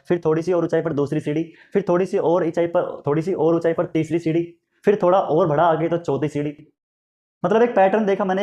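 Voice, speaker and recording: Guy teaching math, kinda high voice, keeps going "theek hai?" and repeating steps. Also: a little mellow. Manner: conversational, checks understanding with frequent "ठीक है?"; repeats steps and asks the listener questions. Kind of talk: classroom lesson.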